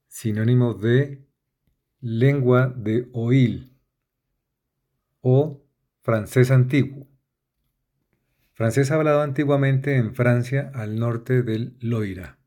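Male reader, mid pitch, unhurried dictionary recital, warm tone. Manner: slow, measured, spells out letters. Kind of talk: reading dictionary entries aloud.

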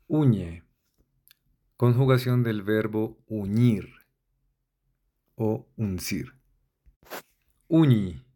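Man, low mellow voice, very slow pace, careful dictionary-style reading, spells out letters. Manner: measured, spelling out letters and accents. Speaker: word list reader.

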